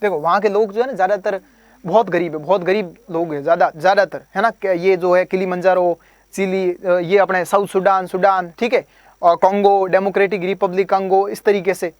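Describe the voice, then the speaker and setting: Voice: medium pitch, steady tone, brisk, no echo, dull audio. A coaching teacher giving an exam preparation lecture, drilling terms by repetition, quizzing listeners and using playful memory tricks.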